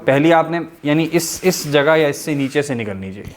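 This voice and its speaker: A man teaching Quran recitation, correcting pronunciation patiently and modelling words slowly. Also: a little high, lively intonation, a little hiss or hum. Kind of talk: correcting pronunciation in an online class.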